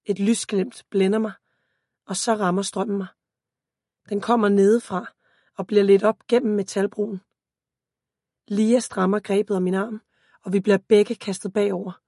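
Woman calmly narrating a first-person story. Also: mid-range voice, pauses often, no echo, studio quality. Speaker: audiobook narrator.

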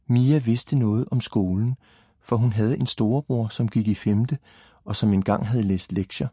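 A man reading a children's story aloud in a calm, measured narration. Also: on the low side, slightly rough, no echo, clean studio sound.

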